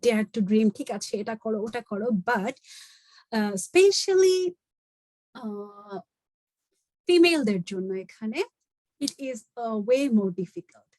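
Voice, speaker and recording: A woman's voice: fairly high pitch, animated, rapid-fire, long pauses, a little mellow, no echo, low-quality recording. A Bangladeshi woman in her late twenties, giving an earnest online talk and switching between Bangla and English mid-sentence. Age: late 20s. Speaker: guest speaker. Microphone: video call.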